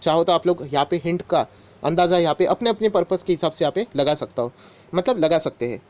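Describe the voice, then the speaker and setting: A man with a slightly higher than usual voice walks his viewers through stock market news in a relaxed, talkative way. He addresses them directly as friends and falls back on the same filler phrases again and again. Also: fast talker. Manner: conversational, mixes English words into Hindi, repeats filler phrases. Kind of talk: casual explainer talk to viewers.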